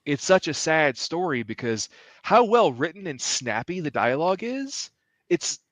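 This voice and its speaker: A man's voice: on the high side, sing-song, unhurried, a bit bright, no room sound. Allergy-stuffy man sharing film trivia. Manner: chatty, trivia-sharing storyteller. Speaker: podcast co-host. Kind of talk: casual chat.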